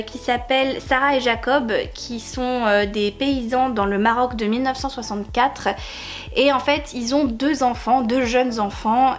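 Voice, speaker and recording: Chatty woman with a bright voice. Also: a little high. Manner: chatty, many hesitations, laughs often. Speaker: book vlogger. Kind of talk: casual book haul chat.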